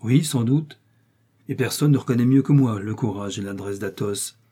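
A man's voice: on the low side, normal speed, dark tone, husky. A man voicing D'Artagnan, a bold, teasing young male musketeer, in a read French novel. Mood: assured.

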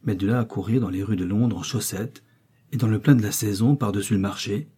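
A man reading a storybook, voicing an anxious older woman, the scientist's wife, in a fretful, hushed way. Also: on the low side, a little fast, husky.

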